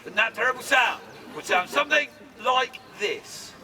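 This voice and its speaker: A man's voice: very high voice, animated, normal speed, bright, forceful tone. A man with a theatrical, joking manner, leading a live outdoor show as an archery demonstrator and calling out to a crowd. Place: outdoors at a castle among a crowd. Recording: distant voice with crowd and outdoor noise.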